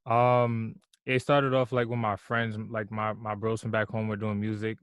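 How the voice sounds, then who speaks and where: Flat-voiced young New man. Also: lowish voice, normal speed, clear, resonant tone, no room sound. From Brooklyn, New York. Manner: soft-spoken, lots of "like" and "um". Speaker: guest musician and fashion designer. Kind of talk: casual interview.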